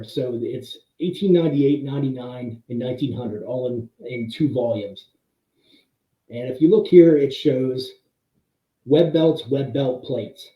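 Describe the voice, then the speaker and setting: A man hosting a monthly history talk, explaining slides conversationally, heard in tinny, low-sample-rate audio from an empty room. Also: warm tone, reverberant. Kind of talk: casual slide-show presentation. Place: pretty much empty room.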